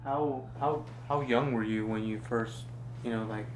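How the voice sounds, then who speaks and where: A man asking casual questions as an interviewer, his voice quieter and off the microphone. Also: mid-range voice, fairly even intonation, unhurried, slight background noise, poor audio.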